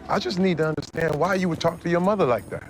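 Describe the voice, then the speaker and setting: An actor playing a stern father sitting down with his teenage son, calm and firm. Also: on the high side, a little fast, a little hiss or hum, lightly acted, low-quality recording. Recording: clip from a sitcom with faint ambience.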